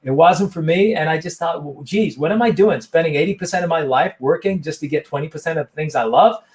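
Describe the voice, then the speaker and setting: Man doing a put-on American accent, dissatisfied office worker, higher voice, musing aloud. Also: fast talker, natural voice. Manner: musing, rhetorical questions.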